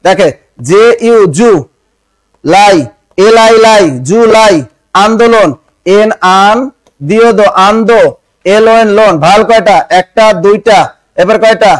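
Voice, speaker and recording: A high-pitched man from Bangladesh teaches an exam-prep class, firing questions at students and sounding out words syllable by syllable. The sound is close and dry. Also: fairly even intonation, unhurried, pauses often, no echo, low-quality recording.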